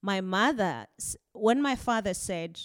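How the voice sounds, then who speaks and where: A woman on a panel, answering interview questions in a measured, reflective storytelling way. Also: medium pitch, animated, no echo, clean studio sound. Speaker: panel guest.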